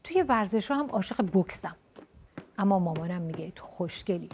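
A woman's voice: lowish voice, expressive, darkish tone, slight background noise. A woman voicing a blunt, spirited short-haired tomboy girl in a told storybook tale. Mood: lively chatty. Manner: blunt, quick-tempered, then chatty.

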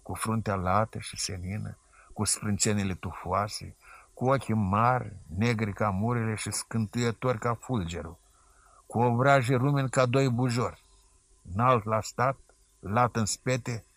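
Expressive man reading a storybook aloud. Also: fairly low pitch, dry recording. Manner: expressive, lively reading with sung and chanted quotes. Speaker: audiobook narrator. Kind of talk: storybook audiobook narration.

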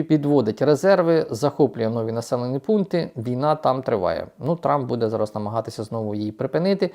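A man's voice: mid-range voice, darkish tone. A man giving casual, ironic news commentary, talking to his viewers as friends. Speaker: political commentator.

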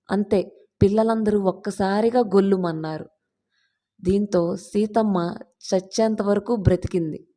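A woman narrating an audio story in a steady storytelling reading. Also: medium pitch.

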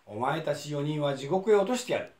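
Man playing a booming hell king, Kansai accent, lively, bossy, echoey room. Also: a little fast. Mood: stern. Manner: booming, scolding, impatient. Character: pompous gruff male king of hell.

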